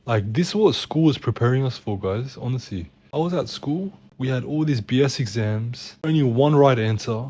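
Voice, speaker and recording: A man's voice: mid-range voice, lively intonation, normal speed, mellow, slightly rough, lo-fi sound. A young man in casual chat, ranting in an exasperated, slangy way. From Australia. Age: young adult. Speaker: co-host.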